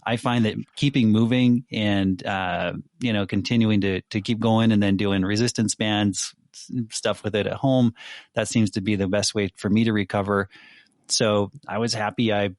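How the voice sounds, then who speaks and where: A man co-hosting a podcast, speaking in a steady, matter-of-fact, agreeable way in casual chat. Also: lowish voice, normal speed, dry recording, clean studio sound. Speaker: podcast co-host.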